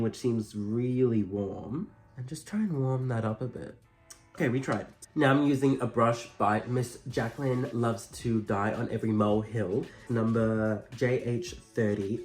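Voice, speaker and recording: A man's voice: mid-range voice, a little mellow. A man with a campy, dryly self-deprecating drag queen delivery, chatting casually through a makeup tutorial.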